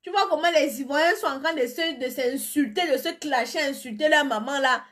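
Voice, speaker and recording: This time the woman's voice is high, brisk and fairly bright. Still fighting a cold and flu, the beauty seller chats casually with her live stream viewers from her phone, answering comments and becoming blunt when insisting on something.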